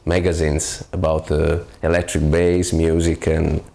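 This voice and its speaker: A man from Italy with a strong Italian accent, answering interview questions hesitantly and filling pauses with lots of ums and uhs. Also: a bass voice, flat delivery, vocal fry, warm tone. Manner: hesitant, many fillers. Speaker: bassist interviewed.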